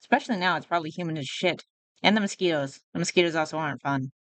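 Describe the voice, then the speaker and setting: A woman's voice: sits low, rapid-fire, fairly bright tone, no echo. A woman live streamer giving casual reaction commentary in a rambling, musing way. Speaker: VTuber streamer reacting to a video.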